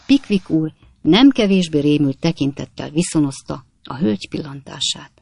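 A man reading a classic novel aloud as audiobook narrator, in measured storytelling. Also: fairly high pitch, gravelly, a little mellow, slightly rough, no room sound. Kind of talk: scripted narration.

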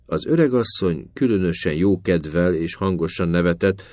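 A man reading a story aloud in a calm, measured way. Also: low-pitched, no room sound, clean studio sound. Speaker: narrator.

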